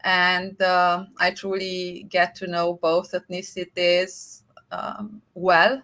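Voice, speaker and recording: A woman's voice: on the low side, little pitch movement, slow pace, fairly bright tone. A woman from Romania with a Romanian accent, a guest on a live-streamed interview who talks enthusiastically and rambles, with many "uh"s. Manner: enthusiastic, rambling with frequent fillers. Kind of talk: conversational interview.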